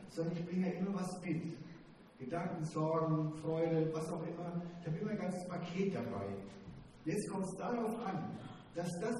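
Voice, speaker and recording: A man preaching a sermon in a calm, slow, meditative way with many pauses. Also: high-pitched, recorded from a distance, slight background noise. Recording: echoey hall, voice from afar.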